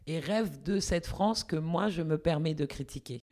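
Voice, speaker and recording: A man's voice: fairly high pitch, normal speed, a little mellow. A man giving a reflective personal testimony, searching for his words.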